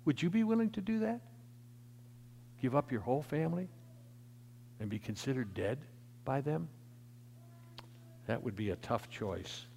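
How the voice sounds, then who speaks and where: A man preaching a sermon, his emphatic delivery swelling louder and then dropping soft. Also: mid-range voice, lively intonation, measured pace, vocal fry, pauses often, slight background noise. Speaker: pastor. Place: church sanctuary. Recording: long church reverb.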